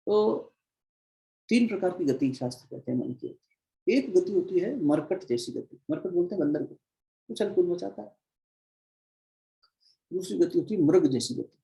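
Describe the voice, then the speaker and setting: A man's voice: sits high, expressive, normal speed, vocal fry, pauses often, dark tone, poor audio. A man teaching at a devotional gathering, telling parables and repeating phrases for emphasis. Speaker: spiritual teacher. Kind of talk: devotional discourse.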